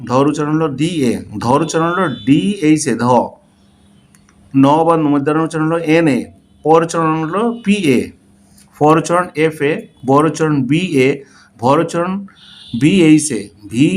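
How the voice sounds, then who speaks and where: Male language teacher, slightly high voice, steady letter-by-letter dictation. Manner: slow, deliberate letter-by-letter dictation. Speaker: English teacher. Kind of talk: spoken language lesson.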